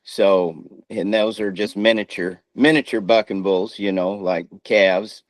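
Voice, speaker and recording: A man's voice: on the low side, fairly even intonation, measured pace, dry recording, rough recording. A middle-aged man who speaks through missing front teeth, chatting casually in an interview in a folksy, plain-spoken way. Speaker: former rodeo rider and coach.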